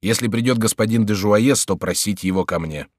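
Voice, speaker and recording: A man's voice: fairly low pitch, a little fast, no room sound, clean studio sound, natural voice. A man voicing a fearful, melancholy king who speaks in a subdued, pleading way in an audiobook. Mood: weary.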